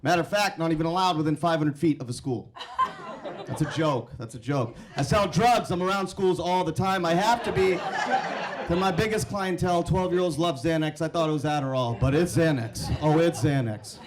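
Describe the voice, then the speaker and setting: Stand-up comic, young man from India, brash crowd-work energy, a touch high-pitched. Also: background noise. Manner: brash, teasing, quick crowd banter. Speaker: stand-up comedian. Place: comedy club stage. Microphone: handheld microphone.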